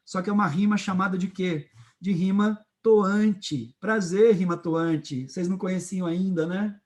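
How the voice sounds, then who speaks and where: A man with a Brazilian Portuguese accent teaching a literature class, lively and checking in often with his students. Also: high-pitched, measured pace. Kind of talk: classroom lecture.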